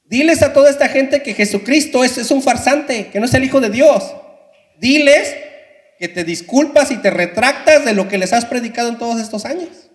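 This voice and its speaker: A man voicing a cruel soldier who shouts threatening demands. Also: sits high, fast, hardly any pauses. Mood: taunting. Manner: loud taunting demands. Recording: echoey hall reverb.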